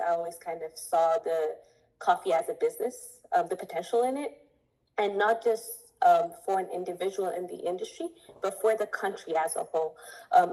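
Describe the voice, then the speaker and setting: A young adult woman from Ethiopia, a coffee importer speaking earnestly as an interview guest, with many pauses to think. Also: on the low side, warm tone, rough recording. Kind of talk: interview conversation.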